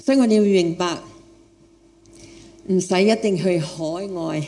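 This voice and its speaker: A woman's voice: fairly low pitch, measured pace, dark tone. A woman with a foreign accent in her Cantonese, a non-native speaker, preaching with personal testimony, repeating phrases for emphasis and putting questions to her listeners. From outside Hong Kong, a foreigner. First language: not Cantonese.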